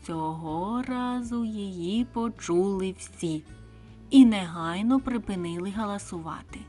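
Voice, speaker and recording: A woman reads a children's bedtime story in a calm, gentle storytelling voice at a middle pitch. She takes her time over every phrase. Soft music plays faintly underneath. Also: a little slow. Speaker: storyteller reading a children's audiobook. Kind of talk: scripted bedtime story narration.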